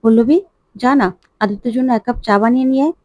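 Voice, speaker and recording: An affectionate middle-aged mother-in-law who coaxes and reassures, as a woman narrator reads her. The voice is mellow and fairly high, and it sounds dry and close. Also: fast, no room sound, natural voice. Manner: affectionate, coaxing.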